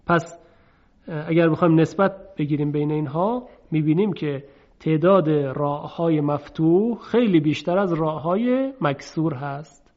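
Male recitation teacher, patient and methodical, slightly high voice, demonstrates sounds slowly; dull lo-fi recording. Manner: patient, explains step by step and demonstrates letter sounds by drawing them out. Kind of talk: explanatory lesson.

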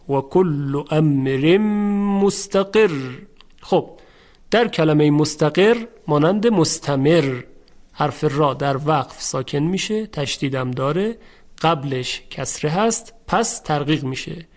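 Male recitation teacher, somewhat high-pitched, measured and patient, slows down to show each word. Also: animated. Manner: measured, repeats words slowly to demonstrate. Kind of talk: recitation lesson, explaining rules and chanting verses.

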